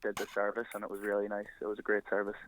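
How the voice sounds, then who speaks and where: A man playing a deadpan, rambling caller. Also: fairly low pitch, rapid-fire, slight background noise, lightly acted, poor audio. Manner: rambling, flat and matter-of-fact. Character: deadpan unhinged male caller Robert. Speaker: prank caller.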